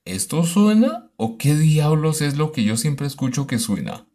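A man's voice: on the high side, very animated, unhurried, dark tone. A man doing let's play commentary of a horror game, exclaiming and talking to the baby on screen. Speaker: gaming YouTuber.

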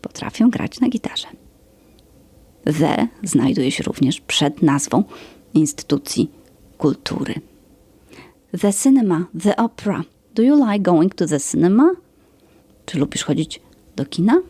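A woman teaching English grammar in a podcast, slowly explaining rules and listing examples. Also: lowish voice, very animated, dark tone, slightly rough, dry recording. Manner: slow, careful explaining with example lists.

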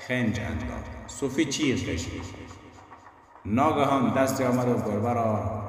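A man narrating an audiobook with a steady storytelling delivery. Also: medium pitch. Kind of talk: scripted narration. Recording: echoey long reverb with background music.

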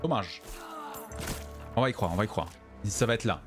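A man's voice: fairly low pitch, normal speed, music in the background. A tired man streaming a game from home, chatting with his viewers and tripping over his words. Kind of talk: casual gameplay commentary.

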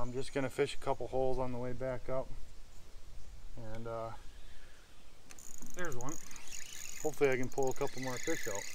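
This fishing vlogger, a man in his thirties, keeps up a casual, enthusiastic chat with the camera while fishing a small river. He explains each step as he fishes, both on the riverbank and in a canoe. His pitch sits in the medium range, and the recording carries a little hiss or hum.

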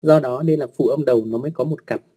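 Guy teaching an online class, dark gravelly voice, a bit husky, patient, repeats himself lots. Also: medium pitch, fast talker. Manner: patient, repeats words, polite particles, many fillers. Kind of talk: explaining writing rules to online learners.

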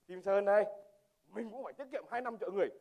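A man's voice: high voice, brisk, mellow. A man playing a thrifty middle-aged migrant worker riding home as a passenger, rambling and stammering in a stage comedy sketch.

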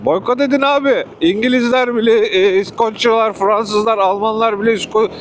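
A man's voice: sits high, steady tone, normal speed, slight background noise. A man from Turkey delivering food by motorbike and ranting in a casual vlog, irritated, swearing and sarcastic. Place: outdoors on a motorbike in city traffic.

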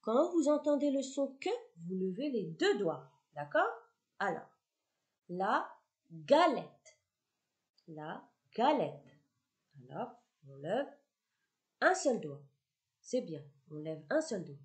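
A woman teaching a primary school phonics lesson, speaking slowly, clearly articulating each word twice and praising the children often. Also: mid-range voice, very animated, a little mellow. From Morocco.

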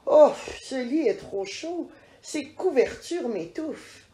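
A curious, impulsive little girl in a storybook, exclaiming petulantly in a raised, bright voice, as a woman puts her on. A roomy echo surrounds her. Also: high-pitched, expressive, a little slow, voice pushed up.

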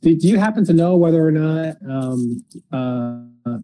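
A man hosting a casual discussion, speaking haltingly and often repeating words as he feels out each sentence. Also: fairly high pitch, expressive, dark tone. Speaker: podcast host. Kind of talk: casual discussion of a criminal case.

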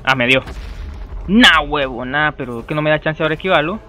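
A young man, commentating his gameplay loudly, swearing and shouting at the game. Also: a little high, brisk, soft background music. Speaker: gameplay streamer.

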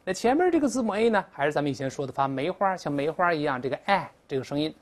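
In a classroom-style lesson, a woman English teacher explains words in Mandarin, her pitch swinging widely as she drills pronunciation aloud. She repeats words loudly for students to copy, animated throughout, shifting between brisk explanation and slow, careful example sentences.

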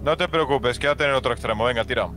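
A man playing a police chief in game roleplay, calm, slow and commanding. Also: medium pitch, soft background music.

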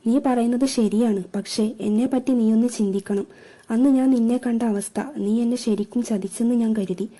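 A woman voicing a guilty young man on the phone, hurried and apologetic. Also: on the high side, fairly even intonation, dark tone, natural voice. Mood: pleading.

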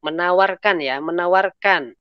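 A man's voice: sits high, unhurried, clear, resonant tone, dry recording. Male English teacher, online lesson, encouraging, dry lo-fi call sound. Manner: encouraging, mixes English into explanations. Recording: dull lo-fi online call audio.

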